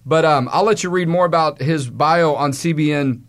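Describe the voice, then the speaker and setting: In a radio studio, a man hosts a talk show, chatting into the mic in a friendly, folksy way during a casual interview. His voice is on the high side and a bit bright, at a moderate pace.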